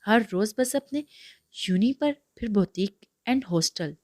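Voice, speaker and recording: A woman's voice: medium pitch, lively intonation, a little mellow, no room sound, studio quality, close to an everyday voice. A woman reading aloud, voicing a dutiful young male assistant who reports to his boss. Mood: reporting.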